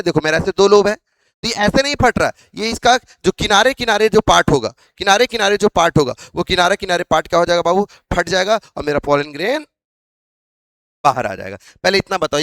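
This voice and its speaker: A man's voice: on the high side, a bit bright, dry recording. A male biology teacher lecturing a class, asking questions over and over to drill his students.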